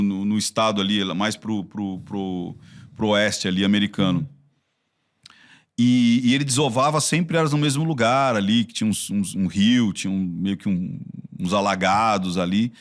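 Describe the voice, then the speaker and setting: A man from Brazil with a Brazilian Portuguese accent. He is a body-language expert talking in a casual podcast conversation, telling stories in an animated way with frequent restarts. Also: medium pitch.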